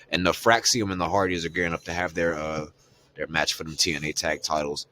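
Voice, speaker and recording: A man co-hosts a podcast in relaxed, profane casual chat, recapping the week's wrestling. His voice sits very low, and he talks loosely, with plenty of ums and "you know"s. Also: slight background noise. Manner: loose and profane, lots of fillers. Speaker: podcast co-host.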